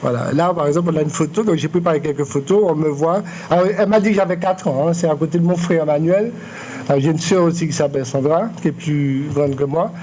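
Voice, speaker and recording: A man in his late forties from Martinique, an artist answering interview questions in a measured, hesitant way with many fillers and restarts. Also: on the high side, dark tone, slight background noise. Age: 40s. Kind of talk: public interview, hesitant and reflective. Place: lecture room.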